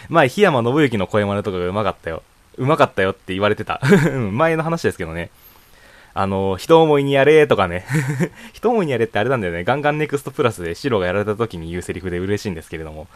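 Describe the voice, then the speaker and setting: This student-aged young man has a lowish voice, recorded dry in a room at his home. He runs his own net radio show and, solo, works through a voice questionnaire in a casual, wandering way, full of chuckles and filler words.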